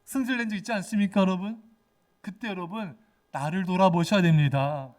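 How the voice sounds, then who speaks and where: A man's voice: high-pitched, fairly quick, darkish tone. A middle-aged male pastor preaching a sermon with emphasis, sometimes acting out the voices of people he quotes.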